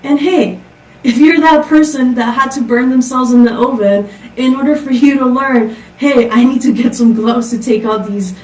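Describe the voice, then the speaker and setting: Speaking at a tech conference, this woman from Costa Rica delivers a prepared, upbeat talk full of rhetorical questions. Her voice sits high with a darkish tone and a moderate pace, captured in an echoey recording made far from the microphone.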